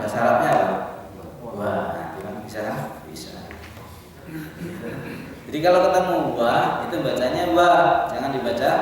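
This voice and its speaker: A man's voice: mid-range voice, a little hiss or hum. A man teaching a religious study class, asking the audience questions and answering them himself. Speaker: Islamic teacher. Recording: echoey hall from a distance.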